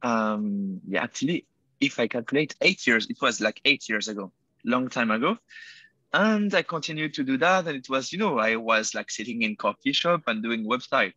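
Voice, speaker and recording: This guest entrepreneur, a young Swiss man in his 20s with a French accent, responds to interview questions over a video call on earbuds, sitting indoors by a window. He hesitates often, filling pauses and correcting himself. His mid-range voice is expressive and sharp at a moderate pace, in a dry, muffled recording.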